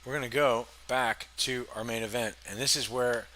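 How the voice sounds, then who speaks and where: A man's voice: medium pitch, steady tone, moderate pace, sharp tone, a little hiss or hum. A man casually commenting on a basketball video game, laughing often and rattling off player stats. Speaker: gaming channel host.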